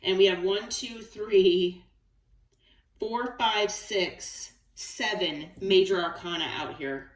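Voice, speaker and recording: Reading tarot for viewers, this woman speaks slowly in a middle register, soft and supportive, frequently pausing to ask "okay?" The audio sounds roomy because the microphone sits a ways from her.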